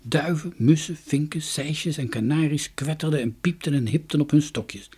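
A man reading a children's storybook aloud, expressive and with shifting loudness. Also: fairly high pitch, normal speed, slightly rough. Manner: expressive, varying loudness and pace.

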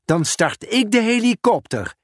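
A cheerful, dutiful postman, as a male storyteller puts him on, eager and friendly, with a lively, bouncing voice. He talks slowly, in a dry, close recording. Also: high voice, dry recording, voice pushed up, full character voice.

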